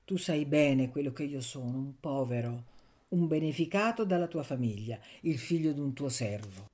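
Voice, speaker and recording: A woman's voice: rumbling low, animated, normal speed, mellow. A woman voicing an earnest, anxious young man in love, pleading fervently in an audiobook reading.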